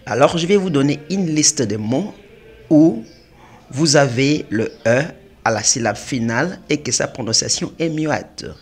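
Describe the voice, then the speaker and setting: A man teaching French spelling, reading words slowly and spelling out syllables, with faint music behind him. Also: medium pitch, animated, slightly rough. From Congo (DRC). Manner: spells out syllables, slow and emphatic. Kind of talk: slow, deliberate French reading lesson.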